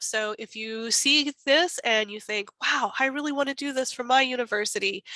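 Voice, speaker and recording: Woman, stuffy from a cold, bright voice, chatty archivist talk. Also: on the high side, dry recording, rough recording. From Texas. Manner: chatty, self-deprecating. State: congested from a cold. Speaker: university archivist presenting. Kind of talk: conference presentation.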